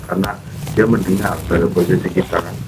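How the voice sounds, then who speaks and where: A man with a lowish voice explains slowly and carefully, hedging as he goes. Faint noise can be heard behind him. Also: steady tone. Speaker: paranormal team member.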